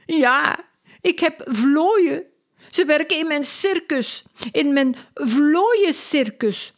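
A woman voicing an excitable, fussy adult woman circus clown in a children's storybook, her voice high and exclaiming. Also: very slow, heavily acted. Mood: frantic, excited. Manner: shrill and exclaiming. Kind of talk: storybook character voice.

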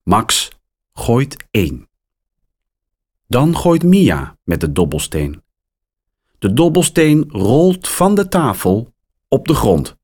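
Slow, expressive male storyteller. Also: mid-range voice, husky. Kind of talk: children's story reading.

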